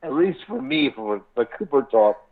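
A man's voice: mid-range voice, sing-song, moderate pace. A man calling into a radio show over a crackly phone line that keeps breaking up, rambling, swearing and stammering through restarts. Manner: profane, stammering with many restarts. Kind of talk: rambling live call-in chat. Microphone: cell phone. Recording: tinny cell phone line.

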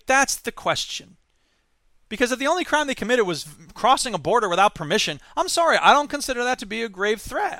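A man's voice: sits high, bright, forceful tone, dry recording, clean studio sound. A man hosting a podcast, giving emphatic, exasperated political commentary. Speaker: podcast host.

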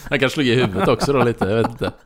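Man, podcast host, casual chat, animated storytelling, swooping expressive pitch. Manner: animated storyteller, acts out dialogue.

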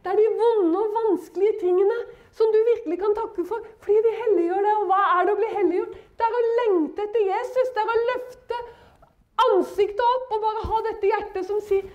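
A woman with a Norwegian accent preaching a sermon in earnest, moving from loud calls to soft whispers, with laughing asides. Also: extremely high pitch, fairly even intonation, muffled recording.

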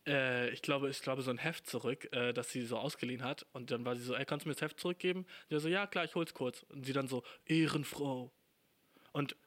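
A man's voice: mid-range voice, a bit bright. A young man in his twenties from Germany, hosting a podcast alone, talking in a rambling casual monologue full of profanity and slang. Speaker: podcast host.

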